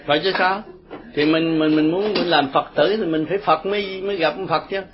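Older male teacher, folksy and rambling, fairly high voice, lo-fi recording with listeners around. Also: steady tone, fairly quick. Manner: rambling, folksy, chuckling storyteller. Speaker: Buddhist teacher. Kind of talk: informal dharma talk with followers. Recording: dull lo-fi recording with crowd behind. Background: group of listeners.

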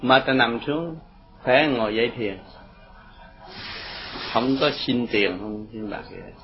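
An older Buddhist teacher speaks in a mid-range voice at a slow pace, giving a rambling, folksy dharma talk to his followers and chuckling through his stories. Soft music plays behind him, and the dull lo-fi recording picks up the group of listeners gathered around.

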